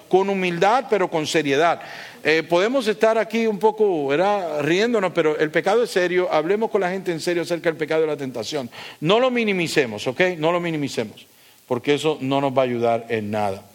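A middle-aged man preaching a sermon, emphatic, asking the congregation rhetorical questions and dropping from loud high points to low asides. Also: animated, fairly quick. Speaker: pastor.

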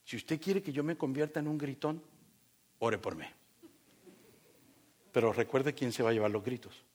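A man preaching a sermon as pastor, animated and joking as he tells personal stories to his congregation. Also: mid-range voice, moderate pace.

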